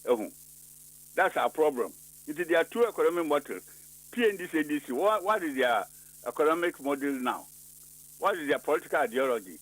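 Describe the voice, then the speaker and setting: A man with a Ghanaian accent, a bit high in pitch, pressing his point in a heated political talk. He repeats himself and mixes Twi and English, and the sound is close and dry. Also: animated, brisk, long pauses, fairly bright tone, no echo, poor audio.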